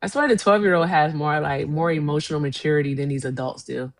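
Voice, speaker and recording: A woman with a Tidewater Virginia accent, co-hosting a stream, chatty and quick to laugh as she reads out messages. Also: low-pitched. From Norfolk, Virginia. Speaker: stream co-host reading donations. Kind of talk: casual chat.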